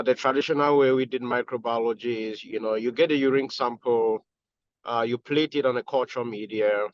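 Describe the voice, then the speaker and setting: A man speaking on a phone call from his car while driving, giving a relaxed explanation as a panelist in a discussion. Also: mid-range voice, dry recording. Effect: speaking on a phone call from a moving car. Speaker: panelist in an online health-care discussion. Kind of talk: conversational explanation on a video call.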